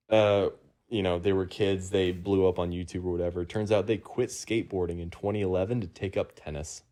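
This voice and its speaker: A man's voice: lowish voice, darkish tone. A man hosting a casual podcast, rambling through a movie plot recap with lots of ums and uhs among friends. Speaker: podcast host.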